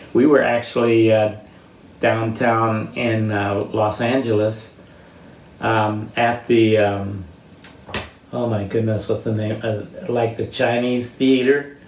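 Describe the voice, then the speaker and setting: Picked up from afar in a reverberant room with faint noise behind him, an elderly American man shares life stories for an interview. He speaks slowly and haltingly, pausing to find words, in a reflective, reminiscing way. His voice is mid-range and darkish.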